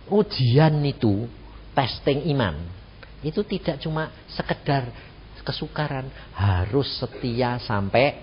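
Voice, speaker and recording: A man, preaching a sermon as pastor, telling a family story with lively acted-out voices. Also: mid-range voice, takes it slowly, a little hiss or hum. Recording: dull radio broadcast in a reverberant hall.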